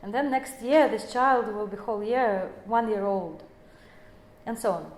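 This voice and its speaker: A woman's voice: medium pitch, measured pace. A woman in her forties giving an explanatory lecture, speaking English as a with many fillers and self-corrections. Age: 40s. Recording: echoey room.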